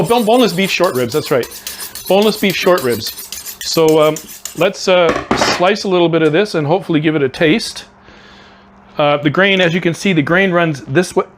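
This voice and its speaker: A middle-aged man with a fairly high voice hosts a casual cooking vlog from his home kitchen, chatty and enthusiastic, with plenty of fillers and restarts. He talks with his mouth full while tasting, over a slight hiss or hum.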